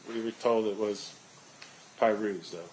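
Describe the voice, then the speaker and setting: Male witness under cross examination, lowish voice, measured guarded answers, faint background noise. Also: steady tone, darkish tone, low-quality recording. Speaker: witness, police investigator.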